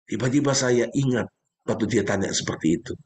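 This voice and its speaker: A man's voice: fairly quick, a little mellow. A male pastor preaching a sermon, speaking straight to his congregation with emphatic, leaping exclamations. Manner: emphatic preaching with sudden pitch leaps; addresses congregation directly.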